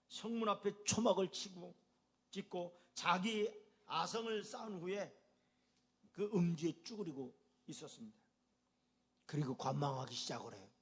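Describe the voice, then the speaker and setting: A male pastor preaching a sermon with emphatic delivery, asking the congregation rhetorical questions. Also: high voice. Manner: emphatic preaching with rising and falling intensity.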